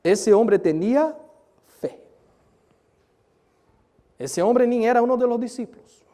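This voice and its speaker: A man with a high, ringing voice preaching a sermon. He swings between bursts of near-shouting and hushed, intimate asides, and calls to his congregation as he acts out the story. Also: slow pace. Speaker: pastor.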